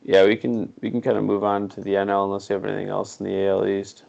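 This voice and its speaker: Gravelly low-voiced man, blunt sports talk. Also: monotone, a little mellow, dull audio. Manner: blunt, opinionated, quick reactions. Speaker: podcast co-host. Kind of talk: casual sports chat.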